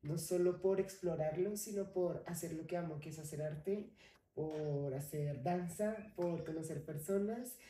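A woman's voice: fairly low pitch, measured pace, warm tone, a little hiss or hum. A young adult woman from Colombia, telling her story expressively as a podcast guest in a casual interview. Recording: roomy, slightly distant mic.

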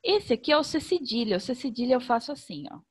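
A woman's voice: on the high side, animated, breathy edge. Sing-song Brazilian woman teacher. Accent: Brazilian Portuguese. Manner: sing-song, slow and over-articulated for children. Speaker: primary school teacher. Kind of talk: remote lesson for young children.

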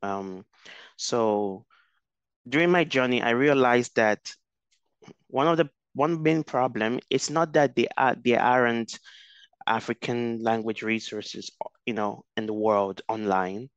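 His mid-range voice is slow and clean, captured dry on a headset with the highs cut off. The young Nigerian man is a guest researcher interviewed over video call, reflecting carefully with plenty of restarts and fillers.

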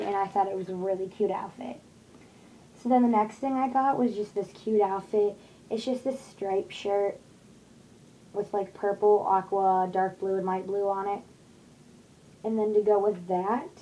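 A young woman with a mellow, mid-range voice casually shows off her shopping haul in a small, poster-covered bedroom, chatting and rambling with plenty of fillers. A desk webcam records her at close range, and the poor audio carries a little hiss or hum.

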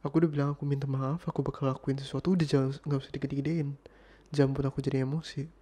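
A man playing an exasperated boyfriend, mellow and flat. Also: mid-range voice, rapid-fire, slightly rough, natural voice. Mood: irritated. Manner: exasperated, insistent, slipping into soft whispers. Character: irritated young boyfriend arguing with partner. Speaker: ASMR role-play host. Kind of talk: ASMR boyfriend role-play.

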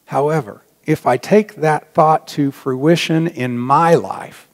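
Earnest middle-aged pastor in a reverberant church. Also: male voice, fairly high pitch, takes it slowly. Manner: earnest, reflective, drops to near-whisper on key points. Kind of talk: sermon. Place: large church sanctuary. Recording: long reverb of a church hall.

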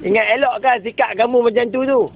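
A very high-voiced man with a Kedah accent from northern Malaysia delivers a taunting, preachy telling-off. It comes through tinny and phone-like from inside a vehicle, with some noise around him. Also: steady tone, quick pace. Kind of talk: mock sermon and scolding in casual street talk.

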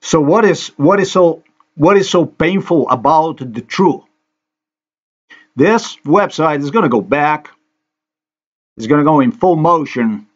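A man's voice: a little high, lively intonation, measured pace, long pauses, highs cut off. Ranting man from Slovenia. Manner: ranting, accusatory, repetitive. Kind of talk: angry monologue over screen recording. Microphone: voice-over on screen recording.

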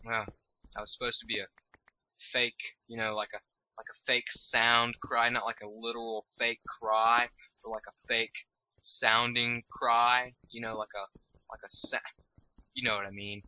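Heard through poor recording quality, his mid-range voice is level, measured, bright and forceful. Tired and stoned, the young man drifts through laid-back gameplay commentary, cursing freely and losing track of what he was saying.

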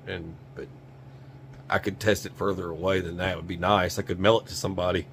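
Reviewing a product on camera, this middle-aged American survival host rambles in a folksy way and repeats phrases to stress points. He sits low, a little fast and flat, with a fairly bright tone, recorded in a small cluttered gear workshop with audible background noise and hum.

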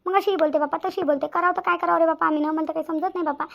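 A woman voicing cartoon characters in a fast, chatty, complaining way. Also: very high-pitched, steady tone, creaky, lo-fi sound. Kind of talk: Marathi cartoon voice acting.

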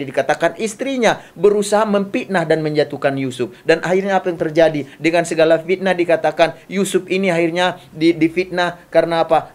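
A man's voice: fairly high pitch, a little mellow. A middle-aged man preaching a sermon as pastor, emphatic and repetitive, seated at a desk on a small studio set. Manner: emphatic, gestures with his hands while preaching; repetitive, builds lists of phrases.

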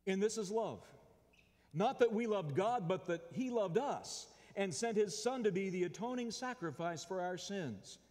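A pastor with an Oklahoma American accent delivering a folksy, conversational sermon with call-and-response. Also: male voice, high voice, lively intonation, unhurried, darkish tone. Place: large church sanctuary. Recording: long church-hall reverb.

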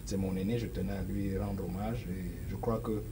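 A man in his forties with a Cameroonian French accent appears as a political guest in a small studio set with sofas, wearing a lapel mic. He speaks emphatically, gesturing as he talks, with frequent hesitations. His low voice has fairly even intonation and a moderate pace, with background noise.

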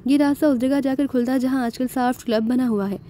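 A man's voice: very high-pitched, fairly even intonation, fairly quick, warm tone, a little hiss or hum. A woman voicing a proud, obliging older man who explains things at length.

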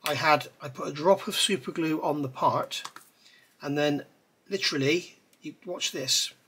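Slightly rough and pitched on the high side, this middle-aged man's voice carries a relaxed, rambling commentary as he assembles a scale model at his indoor hobby workbench. The hands-on lesson drifts into chatty asides and is recorded by an overhead camera on the bench.

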